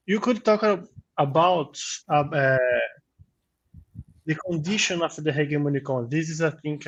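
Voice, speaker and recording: A man whose first language is Portuguese asks a question on a video call, groping for words with many fillers. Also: medium pitch. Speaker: seminar participant asking a question. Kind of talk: academic question. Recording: dull muffled call audio.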